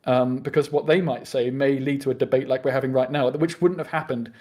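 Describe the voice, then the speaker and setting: A man's voice: mid-range voice, fairly even intonation, darkish tone. A man with a British accent making an earnest debate argument, often restarting his sentences. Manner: fast and earnest, with frequent restarts.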